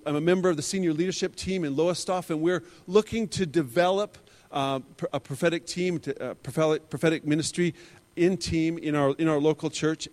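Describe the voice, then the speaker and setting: Earnest man leading a church seminar. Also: fairly high pitch. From Canada. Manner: earnest, often restarts and repeats words. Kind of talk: conference talk.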